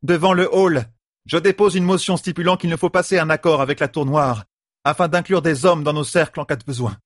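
A man doing a forceful, loud-voiced woman. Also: a little high, a little fast, no echo, clean studio sound, voice pushed up, lightly acted. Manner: loud, straining voice. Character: forceful woman pushing a daring motion.

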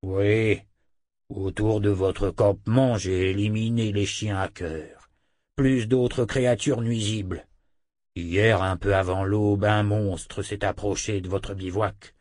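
A man voicing a loyal, humble male talking wolf, low and slow, in an audiobook. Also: steady tone, a little mellow, dry recording, clean studio sound.

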